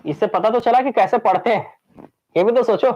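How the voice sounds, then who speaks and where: A man's voice: high voice, normal speed. A man teaching an exam-prep lesson, repeating lists over and over and quizzing his students. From Chhattisgarh, India. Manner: drills lists by repetition, asks students questions. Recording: dull lo-fi recording.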